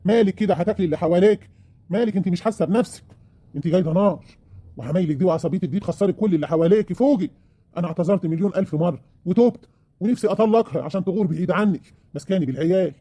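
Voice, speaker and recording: Brief: man voicing an Egyptian husband, raised warm voice, very fast pleading; audio drama. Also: high voice, no room sound. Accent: Egyptian Arabic. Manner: pleading, rapid wheedling. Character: pleading, self-pitying remorseful husband.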